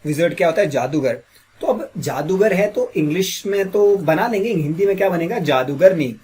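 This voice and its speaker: A man teaching English grammar as a classroom lesson, quizzing listeners with repeated questions. He has a slightly sore throat and clears it often. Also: high voice, expressive, brisk, a little mellow.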